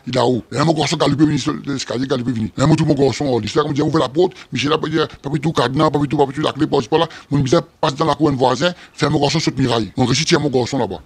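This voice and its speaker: Male, very fast husky delivery, repetitive. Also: mid-range voice, no echo. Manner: rapid, repetitive telling. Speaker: interviewee. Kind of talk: emotional recounting to a reporter.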